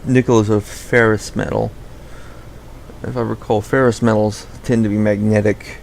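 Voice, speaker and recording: Young man rambling, gravelly low voice. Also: little pitch movement, moderate pace, a little mellow, a little hiss or hum. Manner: rambling, self-correcting. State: out of breath. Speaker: gameplay commentator. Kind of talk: casual gameplay commentary.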